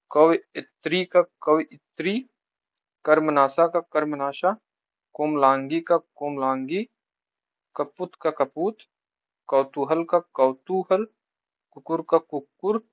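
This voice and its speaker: A man's voice: fairly high pitch, dry recording, lo-fi sound. A man teaching an exam-prep spelling lesson, rattling through word lists and repeating each word with short tips. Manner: rapid rote listing, repeating each word with brief tips.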